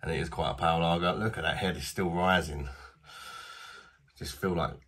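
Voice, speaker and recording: A man's voice: low-pitched, steady tone, normal speed, fairly bright tone, breathy edge. A man in his thirties with a British accent, chatting bluntly and casually while reviewing a beer in a small home bar. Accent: British English. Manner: chatty, blunt, self-deprecating.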